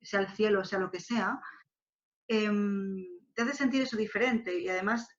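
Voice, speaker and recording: A woman's voice: mid-range voice, fairly even intonation, a little slow. Thoughtful, hesitant woman guest. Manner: thoughtful, hesitant, many fillers. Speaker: interview guest, wedding planner. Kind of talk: reflective conversation. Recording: slightly dull lo-fi audio.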